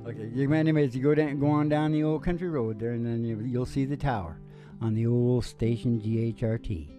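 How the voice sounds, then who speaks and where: With acoustic guitar playing in the background, a middle-aged host of a music and comedy show chats at a stand microphone in a small, dim room with curtains. His voice is medium-pitched, and his stage talk is playful, leisurely and rambling, packed with jokey asides.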